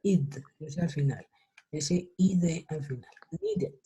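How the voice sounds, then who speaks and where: Woman teacher, slow and husky, mellow low voice; patient, keeps checking in, on a video call. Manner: patient, checks understanding with repeated questions. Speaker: English teacher. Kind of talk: online class lesson.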